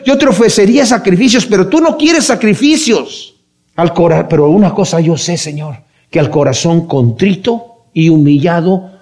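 Male pastor, high voice, animated sermon delivery with acted-out quotes.

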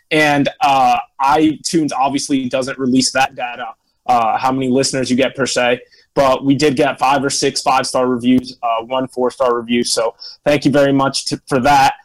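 A man's voice: mid-range voice, little pitch movement, moderate pace, rough recording. A young man hosting and moderating a podcast in a casual, conversational way.

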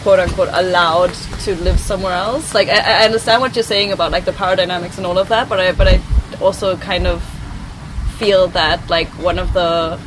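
Woman from brazil, lots of likes and restarts, lowish voice, city noise in the back. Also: steady tone, fairly quick. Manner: hesitant, many fillers and restarts. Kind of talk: casual reflective chat.

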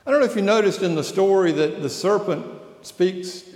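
A man's voice: high-pitched, moderate pace, darkish tone. A man preaching a sermon in a conversational way, often turning questions to his listeners. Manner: conversational, asks the audience questions. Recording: echoey hall with long reverb.

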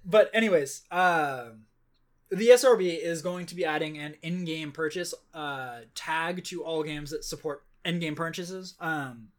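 Casual co-host, male, high light voice, loose rambling delivery full of ums. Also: unhurried. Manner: rambling, frequent "um", laughs easily. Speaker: podcast co-host. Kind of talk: casual chat.

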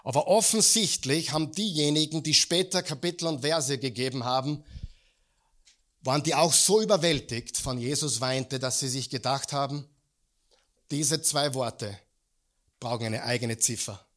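A man preaching a sermon as pastor in a church, asking the congregation questions and swinging from loud peaks to quiet low lines. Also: normal speed.

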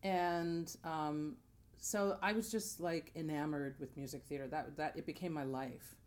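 As a podcast guest, an American theater singer originally from Jamaica and raised in New Jersey tells her story in a relaxed chat, performing pieces of dialogue along the way. Her voice is deep and a little mellow, steady in tone and unhurried.

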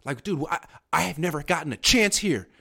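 A man's voice: a little high, expressive, a little fast, gravelly, bright, forceful tone, slightly rough. A man in his thirties co-hosting a casual sports talk show, emphatic and wry, often slipping into mock quotes. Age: 30s. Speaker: podcast co-host.

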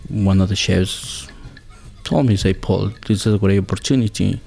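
Gravelly low-voiced Ecuadorian man. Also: warm tone, soft background music. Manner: halting, searching for words, second-language English. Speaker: guest, builder and former chef. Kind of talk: conversational interview.

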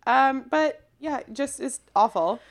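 A woman's voice: high-pitched, slow pace. A woman podcast co-host with a nasal, stuffed-up voice from a cold, chatting in an informal, slangy way about pop culture. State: congested with a cold. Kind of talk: casual pop culture chat.

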